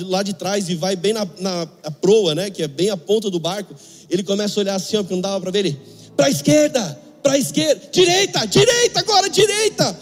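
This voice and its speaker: Brazilian male pastor, young, high voice, humorous storytelling sermon, long reverb with faint music behind. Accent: Brazilian Portuguese. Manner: humorous storytelling with acted dialogue.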